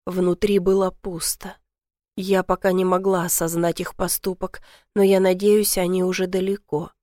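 A woman narrating a first-person story in an earnest, steady storytelling manner. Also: on the low side, normal speed, dry recording, clean studio sound.

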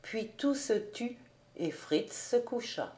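A woman narrating an audiobook of a classic novel in a measured reading voice. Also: fairly high pitch, expressive, darkish tone. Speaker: audiobook reader.

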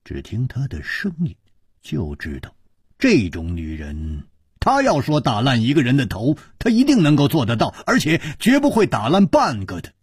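A man's voice: medium pitch, huge pitch swings, normal speed, slightly rough, no room sound, studio quality. A man narrating a martial-arts story in a dramatic traditional storytelling style, with asides to the listener. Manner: dramatic, with rhetorical asides and sighs.

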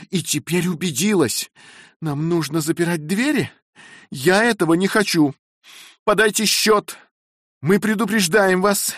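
A man's voice: medium pitch, no echo, studio quality, pitched above the performer's own voice. A man voicing a fiery, imperious young wife. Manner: sharp, imperious scolding.

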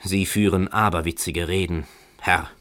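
A man reading a classic tale aloud, voicing an irate, blustering older landlord who shouts and scolds. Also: low-pitched, steady tone, normal speed. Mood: furious.

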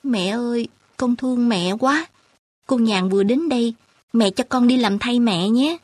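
An earnest young woman student pleads and insists, her husky voice pitched up and pushed louder, as a female narrator puts her on. She is determined and keeps pressing her point. The storybook reading is close and dry. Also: animated, normal speed, no echo. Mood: pleading.

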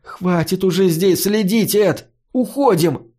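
A man's voice: high-pitched, takes it slowly, warm tone, pitched above the performer's own voice. A man voicing an impatient, nervous teenage boy in an audiobook, his lines urgent and scolding. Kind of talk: audiobook character voice.

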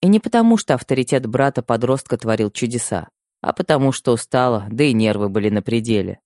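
A man reading a first-person story aloud as an audiobook narrator, with expressive storytelling. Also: mid-range voice, fast, no echo, clean studio sound. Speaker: audiobook reader.

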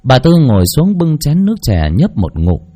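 Husky male storyteller, wide-ranging delivery. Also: on the high side. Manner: slow, dramatic, expressive storytelling. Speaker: narrator. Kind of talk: scripted story narration.

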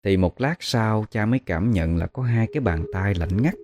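A man with a Southern Vietnamese accent hosting a ghost story, speaking in a measured, hesitant way with fillers. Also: lowish voice, animated, darkish tone, no room sound. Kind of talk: storytelling narration.

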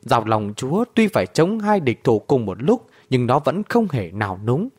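Male narrator for a dramatic adventure storybook, animated pitch. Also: moderate pace, no room sound.

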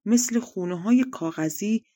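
A woman narrating a folk tale audiobook in an even, conversational reading style. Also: mid-range voice, dry recording, clean studio sound. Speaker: audiobook reader. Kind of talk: storybook narration.

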